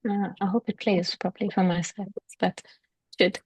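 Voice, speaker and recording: A woman's voice: mid-range voice, little pitch movement, moderate pace, darkish tone, husky, no room sound. A woman chatting casually in an online meeting over a video call with earphones, easygoing and thinking aloud.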